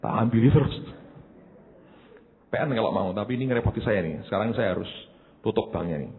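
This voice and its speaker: A man's voice: fairly low pitch, lively intonation, fast talker, gravelly. A middle-aged man with a Javanese accent preaching a sermon as a pastor, telling stories with emphatic asides to his congregation. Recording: echoey hall, narrow phone-like sound, faint hiss.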